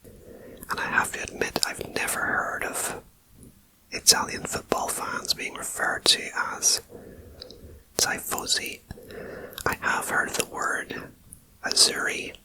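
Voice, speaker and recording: A fully unvoiced whisper, slow and unhurried, moving between ears on a binaural microphone. This ASMR host reads numbered facts and drifts into relaxed, chatty asides. The delivery stays hushed and intimate throughout. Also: low-quality recording. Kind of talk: whispered ASMR fact reading. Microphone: binaural ear-to-ear microphone.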